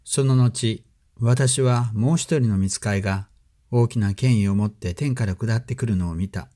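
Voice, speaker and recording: A man giving a measured, solemn scripture reading as a scripted narration. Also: mid-range voice, mellow. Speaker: scripture reader.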